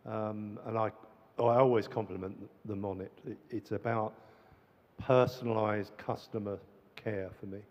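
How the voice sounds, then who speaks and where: A man's voice: on the low side, steady tone, moderate pace, a little mellow. A man on a conference panel speaking conversationally and with enthusiasm. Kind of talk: panel discussion. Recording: muffled hall reverb.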